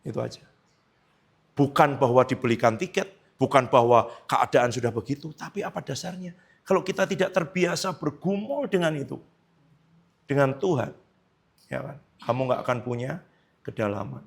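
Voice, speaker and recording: A man's voice: medium pitch, creaky, husky. A middle-aged man preaching a sermon as pastor, conversational, acting out quoted dialogue and using tag questions.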